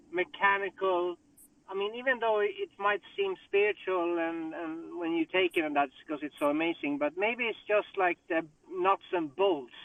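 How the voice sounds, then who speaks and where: A man calling in on a speakerphone while driving home, thinking aloud with halting restarts and sounding a bit distracted. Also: high voice, dry recording. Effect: car speakerphone call while driving. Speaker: caller in a group discussion. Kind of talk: casual group call chat. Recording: tinny distant phone line from a car.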